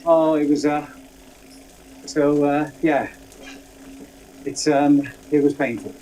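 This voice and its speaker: A man's voice: fairly high pitch, steady tone, takes it slowly, mellow, rough recording. A man, telling rambling, self-deprecating stories in a casual chat. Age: 60s. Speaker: guest. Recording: faint background noise.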